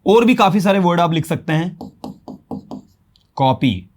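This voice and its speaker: A man's voice: sits high, lively intonation, measured pace, a little mellow. A man with a Hindi accent teaching an English grammar lesson, mixing Hindi with English terms and asking rhetorical questions. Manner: explains in Hindi mixed with English terms, asks rhetorical questions and answers them. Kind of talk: classroom-style grammar lesson.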